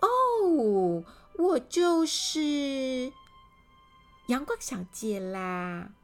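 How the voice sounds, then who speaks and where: A woman's voice: sits high, big pitch swings, extremely slow, faint music behind, pitched above the performer's own voice, heavily acted. A woman voicing a contrary lady who says everything backwards in a children's storybook, sounding sweet and pleased with herself.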